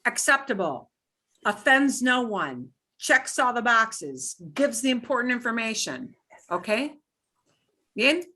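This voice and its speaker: A woman teaching a beginner language class, emphatic and instructive, pronouncing foreign words slowly and deliberately in parts and checking in often. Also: a little high, sing-song, sharp tone. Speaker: Spanish teacher.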